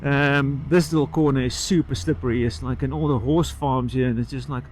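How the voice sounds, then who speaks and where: A man talking casually and haltingly from inside his helmet while riding a motorcycle, rambling like a vlogger and picking his thread back up. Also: medium pitch, steady tone, a little mellow. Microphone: microphone inside the helmet. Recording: inside-helmet sound with road and engine noise.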